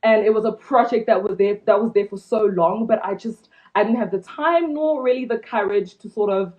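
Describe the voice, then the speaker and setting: A woman's voice: mid-range voice, normal speed, muffled recording. A young woman from South Africa founding a blog, talking casually on a phone live stream with many ums and restarts. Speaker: blog founder hosting an Instagram live launch.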